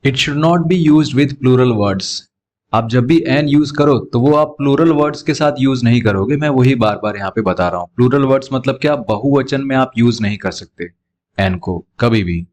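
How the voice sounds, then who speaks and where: A male grammar teacher, teaching a lesson slowly, repeating each sound and answering his own questions. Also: medium pitch, darkish tone. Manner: slow, repeats and drills words and sounds, asks questions and answers them himself. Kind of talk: classroom lesson explaining grammar.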